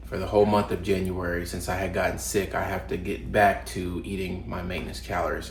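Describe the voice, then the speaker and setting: This fitness vlogger is a young man with a low voice and a bit of a cold, chatting fitness tips to camera in a relaxed way with lots of fillers and restarts. The home recording sounds roomy, with faint background ambience and slight hiss or hum.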